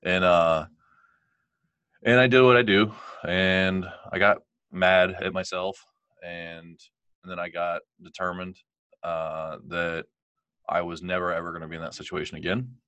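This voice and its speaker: A man with a deep yet bright, forceful voice tells a personal story in casual conversation. He acts out what others said and leans on fillers. The sound is dry and close, with no room around it. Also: measured pace, clear, resonant tone, no echo. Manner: animated, quotes others, many fillers like "like" and "you know". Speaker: guest telling his story.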